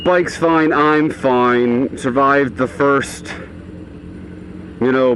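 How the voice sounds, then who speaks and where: A man with a mid-pitched voice speaks from inside a motorcycle helmet while riding. His delivery is casual and rambling, like an offhand vlog. Clear engine, wind and traffic noise runs behind his voice. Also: rough recording. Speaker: motorcycle vlogger.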